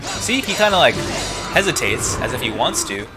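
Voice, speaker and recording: Video game music runs under this rough recording of a man doing casual let's play commentary. His medium-pitched voice swings widely in pitch at a normal speed as he reacts, thinks aloud and reads out the game's dialogue.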